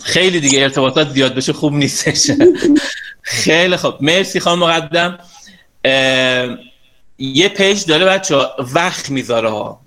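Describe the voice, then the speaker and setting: A man with a slightly high voice runs an online class as a sales trainer. He speaks straight to his students in a chatty, coaxing way and teases them now and then. He is heard over a video call. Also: animated, a bit bright.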